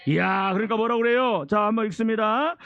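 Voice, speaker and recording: A male pastor preaching an animated, exhorting sermon, calling the congregation to respond. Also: high voice, fast talker, no echo, lo-fi sound. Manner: animated, exhorting preaching, acts out scripture quotes.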